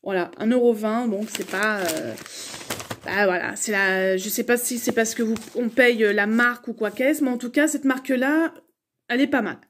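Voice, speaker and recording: Young woman, slightly high voice, chatty haul vlogger, rambling, faint background hiss. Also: moderate pace, a bit bright. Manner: chatty, rambling, many fillers and restarts. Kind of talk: casual haul video chat.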